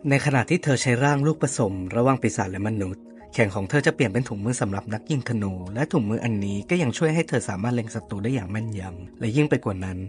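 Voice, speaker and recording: A man reads a scripted ranking voice-over at a brisk clip, his delivery steady and informative. His voice sits at an ordinary middle pitch. Soft background music plays quietly beneath him. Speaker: channel host. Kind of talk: scripted narration.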